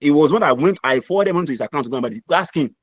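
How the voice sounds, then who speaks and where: A middle-aged man with a Nigerian accent delivers a motivational mentoring talk, hammering his points with repetition like a preacher. His voice sits fairly high for a man. The sound is dry, with no room echo. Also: animated, very fast. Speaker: guest mentor speaker.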